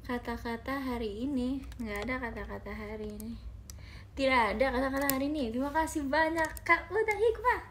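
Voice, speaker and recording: Speaking in a high, fairly bright voice at a brisk clip, a young woman live streams from home on her phone over slight background noise. She's chatty and giggly, reading out viewer comments and frequently addressing everyone as "guys."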